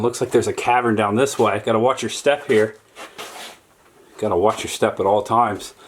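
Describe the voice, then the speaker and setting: A man narrating a casual solo exploring vlog, talking straight to his viewers in short, deliberate phrases. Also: lowish voice, slight background noise. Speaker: solo explorer filming a cave tour for viewers. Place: on a forest trail and in a small cave.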